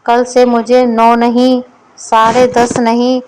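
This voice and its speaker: Woman doing a greedy fat storybook man, scolding, slow, even-toned. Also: fairly high pitch, slight background noise, rough recording. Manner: grumbling, scolding. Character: lazy gluttonous fat man, bossy.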